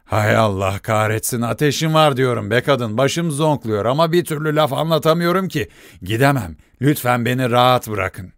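A man's voice: mid-range voice, lively intonation, moderate pace, few pauses, dry recording, studio quality, close to an everyday voice. A man doing a grumbling, feverish old doctor. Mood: irritated. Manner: mumbling, grumbling, drowsy. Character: tired feverish male country doctor, sullen.

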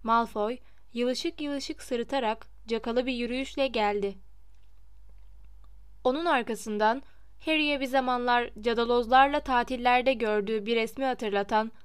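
A woman's voice: on the high side, clean tone, no room sound. A woman narrating a novel as an audiobook, reading expressively at a close microphone.

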